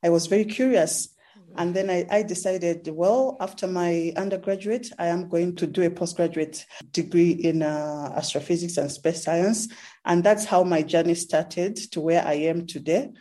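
A woman in her thirties, an astrophysics researcher with a Zambian English accent, answers interview questions conversationally as a guest. Her voice is mellow and lowish, at a moderate pace.

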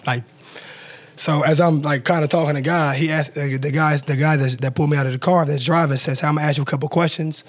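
A man's voice: fairly high pitch, fairly even intonation, fast. A man, a former pro football player, telling a story as an interview guest in loose, casual talk full of "like" fillers and acted-out quotes.

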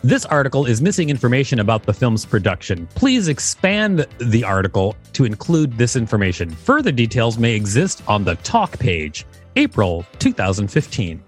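With gentle music in the background, a man co-hosting a podcast reads out an article and adds dry, humorous remarks. He talks at a normal speed in a medium pitch with big swings and a breathy edge. It's a casual mix of reading and commentary.

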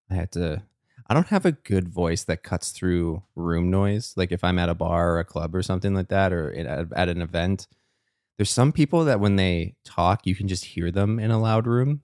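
A man with a very low, deep voice that sounds a little strained today. He co-hosts a podcast in easygoing, rambling chat. The sound is dry and close, with no room around it. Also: moderate pace, no room sound. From Canada. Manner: relaxed, rambling storyteller. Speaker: podcast co-host. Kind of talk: casual chat.

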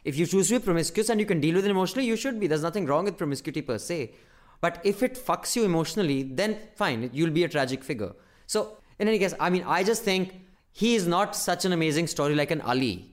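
A man with a North Indian accent and a slightly raised pitch, talking as a podcast co-host. He is opinionated and emphatic, swears freely, and keeps the style casual and conversational. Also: lively intonation, quick pace.

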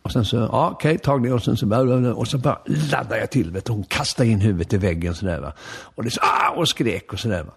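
An older man, an actor, talking casually in an interview and telling stories with lively acted-out dialogue. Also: fairly low pitch, vocal fry, few pauses, husky. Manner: animated storyteller, acts out remembered dialogue.

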